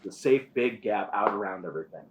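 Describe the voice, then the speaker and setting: A man's voice: fairly low pitch, animated, fairly quick, roomy sound. A man giving casual golf-style play-by-play commentary as a disc golf commentator.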